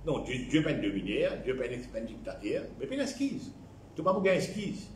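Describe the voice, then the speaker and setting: Lively Mauritian pastor preaching in an echoey hall. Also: male voice, mid-range voice, a little fast, a little hiss or hum. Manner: repeats key phrases, mixes in English words. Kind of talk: sermon. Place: church.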